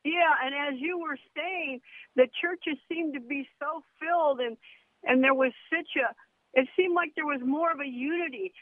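A woman's voice: high voice, normal speed, no echo. A woman in her sixties, a retired nurse, calling in to a radio show and talking earnestly and devoutly. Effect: calling in over a phone line. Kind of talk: casual chat. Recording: tinny phone line.

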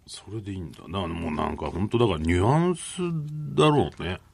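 A man's voice: low voice, very animated, fast, a little mellow, slightly rough. A Japanese man co-hosting a radio show, chatting casually, backing up his partner with short replies and laughing often. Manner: frequent short backchannels and bursts of laughter.

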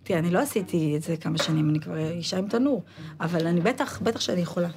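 A woman comedian telling comic army stories in a lively way, acting out shouted drill calls. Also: on the low side, creaky. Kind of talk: comic storytelling.

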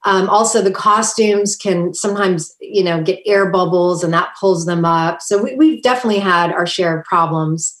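A woman from Hawaii speaks as a podcast guest. Her voice sits a little low and is soft-spoken, and she explains things with easy fillers. The recording has a noticeable roomy echo. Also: normal speed, hardly any pauses. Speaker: guest artist. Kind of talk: conversational interview.

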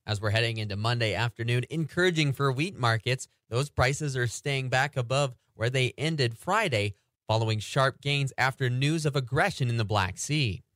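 A man anchoring a radio farm report, reading agricultural news and market prices in a steady newsreader delivery. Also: medium pitch, moderate pace, dry recording, studio quality.

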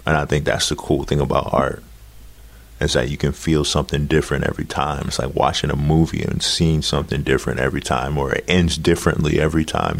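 A man speaking as an interview guest, reflective and halting as he thinks through his answers. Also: extremely low pitch, vocal fry. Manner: halting, thoughtful.

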